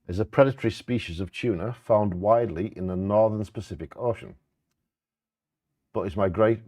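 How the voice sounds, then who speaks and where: A man's voice: lowish voice, dark tone, no room sound, studio quality. A man co-hosting, reading out facts informally and stumbling over scientific words.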